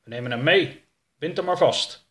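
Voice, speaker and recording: A man's voice: on the high side, moderate pace, fairly bright tone, pitched above the performer's own voice, lightly acted. A man doing a curt, commanding official. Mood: bossy. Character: gruff bossy middle-aged male official. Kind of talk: audiobook character voice.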